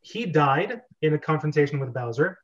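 This host, a man in his thirties, reads screenplay directions and chats casually while leading a script read-through over a video call in his bedroom. His fairly high voice is expressive at normal speed, though the audio is dull.

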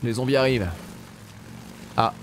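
A man's voice: mid-range voice, fairly even intonation, moderate pace, noisy background. A man giving casual, joking gameplay commentary, exclaiming often and addressing his viewers. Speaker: gamer presenting gameplay.

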